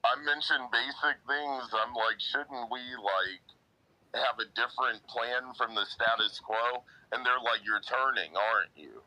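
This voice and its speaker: A man's voice: mid-range voice, a little slow, pushed and bright, rough recording. A man talking earnestly in a casual online chat, often quoting his own past words. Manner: earnest, quotes himself often. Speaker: guest in online audio chat.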